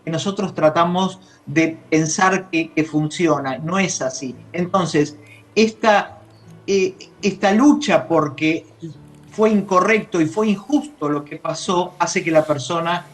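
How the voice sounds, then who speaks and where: A woman with an Argentine accent speaking as a grief specialist in an interview, measured and reflective, pausing to find her words. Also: fairly low pitch, poor audio. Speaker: grief specialist guest on a talk show. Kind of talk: explanatory interview talk.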